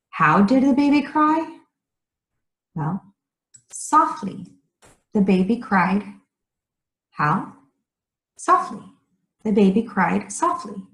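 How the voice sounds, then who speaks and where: Woman, ESL teacher, very slow careful delivery, repeats key words, roomy echo. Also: mid-range voice. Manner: speaks slowly and deliberately, repeating key words. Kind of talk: slow, clearly enunciated grammar lesson.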